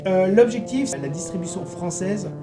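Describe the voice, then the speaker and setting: A man giving a rambling, indignant monologue to his viewers, halting and restarting as he goes. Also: high voice, animated, music in the background. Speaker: online political commentator.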